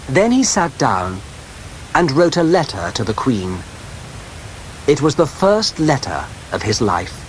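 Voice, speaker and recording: A man narrating an audiobook in a slow, careful reading style, heard from a worn cassette tape copy. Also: medium pitch, rough recording. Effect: worn cassette tape copy with faint hiss.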